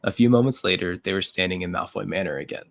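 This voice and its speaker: A man narrating a fan story read-through in an even reading manner, with occasional slips. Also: low-pitched, fast, vocal fry, no room sound.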